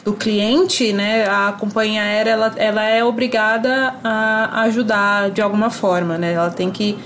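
A woman's voice: medium pitch, steady tone, moderate pace, a bit bright, slight background noise. A woman with a Brazilian Portuguese accent, co-hosting a podcast, who listens sympathetically and explains things matter-of-factly. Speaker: podcast co-host. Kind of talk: casual chat.

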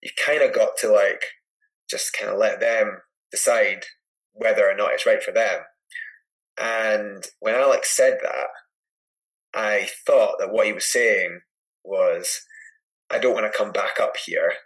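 A Scottish man from Edinburgh, a podcast guest chatting casually and telling a rambling, animated anecdote full of "like" and "you know". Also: lowish voice, takes it slowly, rough recording. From Edinburgh, Scotland. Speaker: podcast guest, adventure climber. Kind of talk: casual storytelling in conversation.

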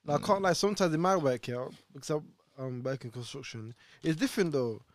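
British city lad chatting casually, voice a bit high, dry close recording. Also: male voice, lively intonation, brisk, no echo. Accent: British urban. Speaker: construction worker. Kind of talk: casual group chat.

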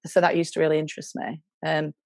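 A woman's voice: low-pitched, completely flat delivery, quick pace, gravelly, a little mellow, no room sound, clean studio sound. A young woman with a British accent, chatting casually as a podcast guest about her own experiences. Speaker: charity worker, podcast guest. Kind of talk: casual chat.

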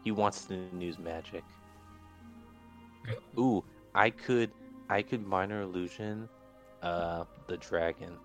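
Male tabletop player, lowish voice, casual game chat, faint music behind. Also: steady tone, takes it slowly, long pauses, fairly bright tone.

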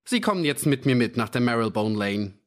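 A man voicing a big London policeman who gives orders gruffly and sounds threatening. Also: mid-range voice, animated, a little fast, natural voice. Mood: stern.

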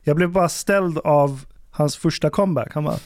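Animated man with a smooth, bright voice. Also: fairly high pitch, no room sound. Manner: animated storyteller acting out quotes. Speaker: podcast host. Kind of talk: casual storytelling chat.

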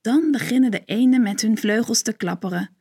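A woman narrating a children's story in a gentle, clear storytelling manner. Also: fairly high pitch, a little fast.

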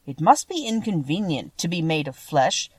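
A woman voicing a thoughtful, hearty living scarecrow man for a storybook, plain-spoken and deliberate. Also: deep voice, big pitch swings, slightly rough, dry recording, full character voice. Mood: curious, thoughtful.

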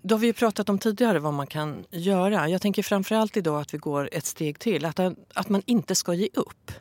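Lady calmly explaining stuff on a podcast, lowish voice, dry close mic. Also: no echo. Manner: calm, explanatory, with fillers. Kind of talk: casual informative podcast talk.

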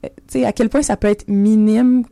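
A Québécoise podcast host asks her questions casually and earnestly. Her voice is gravelly and warm, and the sound is dry and close. She speaks at a mid pitch with a relaxed, chatty delivery. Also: brisk, dry recording. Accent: Québécois French. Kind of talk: conversational interview.

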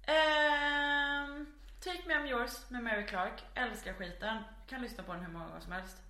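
A woman in casual talk with a fairly high voice. She tells stories with energy and acts out the voices of other people. The sound is roomy and echoey. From Småland, Sweden. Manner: lively storyteller, acts out quotes loudly. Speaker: guest. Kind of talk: casual podcast chat.

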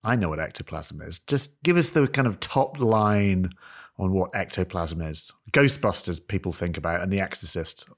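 A man's voice: low voice, expressive, normal speed. A man hosting a podcast in an upbeat, chatty way, playful and enthusiastic with dramatic emphasis. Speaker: podcast host.

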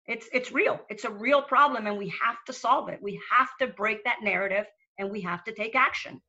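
A middle-aged Venezuelan woman who lends to small businesses speaks earnestly as a guest in a panel discussion, repeating words as she begins sentences. Her voice is on the high side, brisk, pushed and bright. The sound is dull and lo-fi.

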